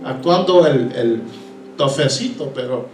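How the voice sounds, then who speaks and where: In a church hall, a Puerto Rican pastor with a Puerto Rican Spanish accent gives his testimony from the pulpit, acting out voices and slipping into English. His medium-pitched voice is expressive, unhurried and a little mellow. Picked up from afar in the echoey hall, it has faint music behind it.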